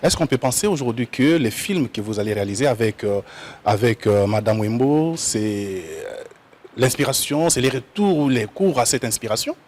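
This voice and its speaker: A man's voice: medium pitch, lively intonation, normal speed, a little mellow. A man hosting a television studio interview, friendly and chatty, often stumbling over repeated words. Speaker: TV host.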